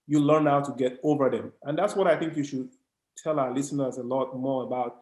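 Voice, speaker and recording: A man's voice: medium pitch, fairly even intonation, fairly quick, darkish tone. A man with a Nigerian accent hosting a podcast interview, earnest and emphatic, often stumbling over his words. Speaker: podcast host. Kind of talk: casual interview chat. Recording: roomy echoey sound.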